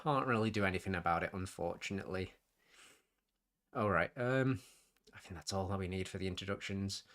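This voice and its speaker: A man runs his own hobby live stream on YouTube, speaking a little fast in a low, slightly bright voice. His nasal, sniffly chatter wanders casually, and he often breaks off to fix what he's saying.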